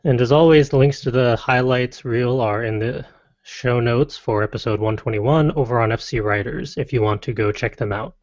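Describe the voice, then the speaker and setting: A man hosting a casual podcast, reading lists briskly and adding wry, playful asides. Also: medium pitch, darkish tone. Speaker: podcast host. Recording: dull lo-fi dry podcast audio.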